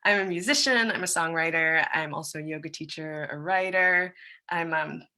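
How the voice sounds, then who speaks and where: American woman presenting on a zoom call, chatty and friendly, bright ringing voice, kinda low pitched. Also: moderate pace. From United States. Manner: friendly, chatty, loose with fillers. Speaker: presenter, musician and songwriter. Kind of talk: conference presentation. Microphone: video call.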